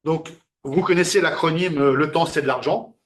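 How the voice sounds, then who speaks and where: A man's voice: fairly high pitch, normal speed, a bit bright, roomy sound. A man giving a classroom lecture, hesitant and full of fillers and restarts.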